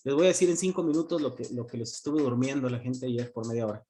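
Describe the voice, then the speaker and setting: A man's voice: mid-range voice, quick pace, mellow, a little hiss or hum. A man, a university economics teacher giving an online class, joking and answering his own questions. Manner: joking, asks questions and answers them himself.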